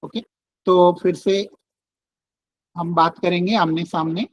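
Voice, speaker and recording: A man's voice: high-pitched, steady tone, slow pace, dull audio. A man leading a relationship workshop. He explains things casually and keeps saying "look" and "okay". He uses everyday husband-and-wife examples, in an online session. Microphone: online session with screen sharing.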